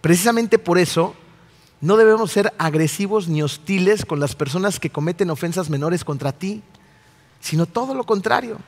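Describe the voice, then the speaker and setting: A man preaching a sermon, animated and asking his audience rhetorical questions. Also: high-pitched, normal speed, big-room sound.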